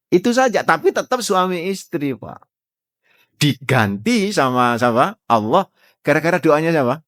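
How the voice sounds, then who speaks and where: A man giving a mosque sermon as an ustadz. He tells the story in a lively way and keeps quizzing the audience. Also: medium pitch, no echo, clean studio sound. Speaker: ustadz, Islamic preacher. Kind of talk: morning mosque study sermon.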